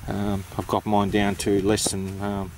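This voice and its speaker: A man's voice: on the low side, completely flat delivery, unhurried, noisy background. A man with an Australian accent giving an informal, matter-of-fact explanation, hesitant and unscripted as he goes. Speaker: amateur radio operator presenting.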